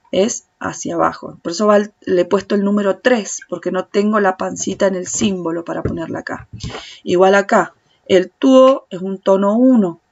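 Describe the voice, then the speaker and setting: A woman with a Rioplatense Spanish accent who teaches Chinese in a patient tutorial, repeating sounds slowly and speaking directly to the viewer. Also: medium pitch, muffled recording. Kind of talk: slow step-by-step tutorial explanation.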